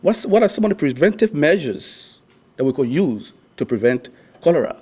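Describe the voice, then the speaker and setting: A man's voice: on the high side, sing-song, moderate pace, darkish tone, slightly rough. A young man from Liberia giving a class presentation, earnest and restarting his sentences often. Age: young adult. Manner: earnest, with frequent restarts and fillers. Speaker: student presenter.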